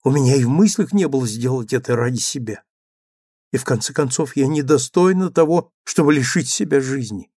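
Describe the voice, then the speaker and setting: A man's voice: mid-range voice, brisk, dark tone, slightly rough, no room sound, studio quality, close to an everyday voice. A man reading the part of a meek, remorseful young woman, pleading and trembling. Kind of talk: audiobook character reading.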